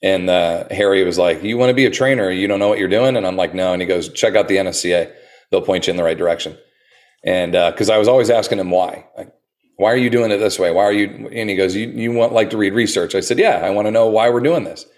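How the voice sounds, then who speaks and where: A man who works as a personal trainer, talking earnestly in a casual interview and telling animated stories with many restarts. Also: low-pitched, quick pace. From United States.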